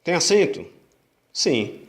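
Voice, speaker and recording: A male Portuguese teacher, slightly high-voiced with big swings in pitch, runs an online grammar class. He restates rules patiently, asks questions he doesn't expect answered, and slowly elongates syllables to mark stress.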